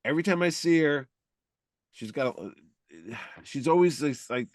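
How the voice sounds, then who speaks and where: A man's voice: fairly high pitch, expressive, a little slow, dry recording. Chatty middle-aged man co-hosting. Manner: chatty, rambling, opinionated. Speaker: podcast co-host. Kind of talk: casual film-review chat.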